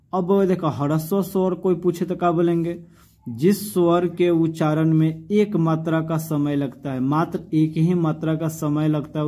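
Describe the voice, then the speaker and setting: Mellow-voiced teacher man. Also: a little high. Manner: addresses students affectionately, repeats and asks questions. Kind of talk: casual classroom explanation.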